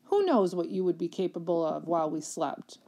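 Storybook villainess: a haughty, scolding foster mother, read by a woman, lowish voice, prim and formal. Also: expressive, a little fast, dark tone. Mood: scornful. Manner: formal, scolding, lofty diction. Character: stern, haughty middle-aged foster mother.

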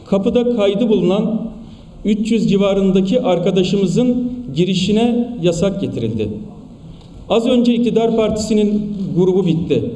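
A man delivers an emphatic political speech at a podium microphone, building his points through repeated phrases. His voice sits high but sounds mellow. The sound carries a long hall reverb, heard from some way off the mic. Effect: speaking at a podium microphone in a large hall. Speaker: politician addressing a party meeting. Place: large meeting hall in parliament. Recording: echoey hall, distant mic.

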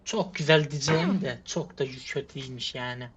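A man's voice: mid-range voice, normal speed. A man giving frustrated gameplay commentary, muttering to himself, sighing and cursing at the game. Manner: exasperated, muttering to himself, swearing and sighing prayers. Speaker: gamer. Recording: slightly muffled with faint hiss.

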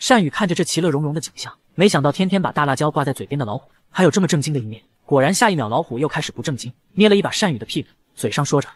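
A man's voice: on the high side, lively intonation, racing, hardly any pauses, no echo. A man narrating a comic story recap with cheeky, joking asides.

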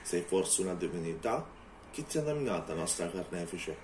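A man voicing a cold, contemptuous male vampire in a low, threatening tone. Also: big pitch swings, normal speed, darkish tone, a little hiss or hum. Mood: scornful.

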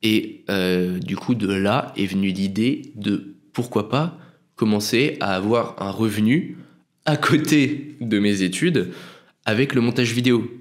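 Chatty young man hosting a podcast. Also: fairly low pitch. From France. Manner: chatty, loose and self-mocking, with slang. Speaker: podcast host and freelance video editor. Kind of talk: solo casual podcast intro.

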